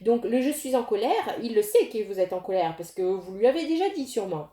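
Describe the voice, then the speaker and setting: A woman's voice: medium pitch, sing-song, brisk, mellow, roomy sound. A woman giving a casual tarot reading to her viewers, talking directly to them with many fillers and restarts. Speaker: tarot reader.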